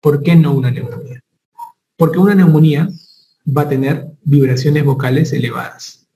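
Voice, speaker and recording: Male med lecturer, fairly high voice, animated, echoey room, faint hiss. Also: moderate pace. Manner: animated, rhetorical questions, addresses student directly. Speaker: medical lecturer. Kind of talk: lively teaching talk.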